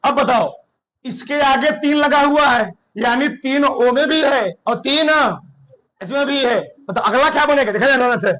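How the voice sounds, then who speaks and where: A male chemistry teacher, speaking in a strikingly high, bright and forceful voice. He keeps throwing questions at his class and answering them himself, then dictates notes word by word with repeats. His tone is a brisk classroom lecture. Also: poor audio. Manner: drills students with call-and-response questions.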